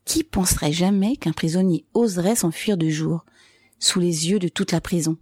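A woman reading aloud, voicing an eager, fervent young man who talks excitedly and insists, pitched higher than her narration. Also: moderate pace, breathy edge, dry recording, studio quality. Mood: eager urgent.

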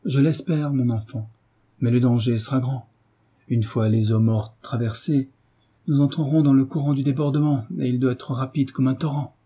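A man reading the part of a calm, grave tutor who gives firm, decisive orders. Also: mid-range voice, normal speed, husky, lightly acted. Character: calm, commanding male tutor in his prime.

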